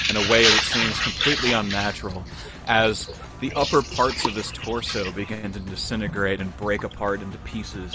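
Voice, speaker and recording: A man running a tabletop game as game master, calmly narrating the scene for his players. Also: on the low side. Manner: calm descriptive narration.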